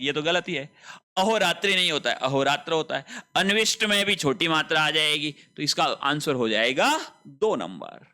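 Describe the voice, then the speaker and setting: A man's voice: fairly high pitch, sharp tone. A man teaching a Hindi spelling lesson for exam preparation, walking through each option step by step and asking rhetorical questions, with a Rajasthani accent.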